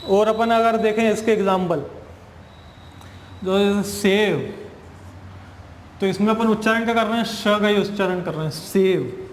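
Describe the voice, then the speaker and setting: A high-voiced male teacher explains a spoken English grammar lesson in Hindi, patiently repeating each point and answering his own questions. The recording has a long echoing reverb with faint hiss underneath. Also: measured pace, pauses often.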